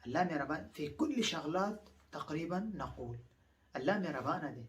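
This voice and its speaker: A man's voice: a little high, lively intonation. Man teaching phrases from a distance. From Afghanistan. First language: Pashto. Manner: repeats each phrase slowly, explains with frequent hesitant fillers. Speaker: language teacher. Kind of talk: phrase-by-phrase language lesson.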